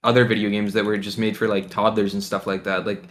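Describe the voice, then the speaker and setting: A man's voice: lowish voice, flat delivery, fast talker, fairly bright tone. A teenage boy from Ohio, a pro gamer being interviewed, talking in a laid-back, rambling way with lots of fillers and chuckles. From Ohio, USA. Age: teens. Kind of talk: casual interview.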